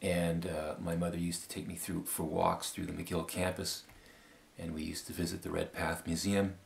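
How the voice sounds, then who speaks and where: A Canadian man in his fifties giving a formal, measured appeal statement with many pauses and fillers. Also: low voice, flat delivery, gravelly, a little hiss or hum. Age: 50s. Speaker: law school applicant.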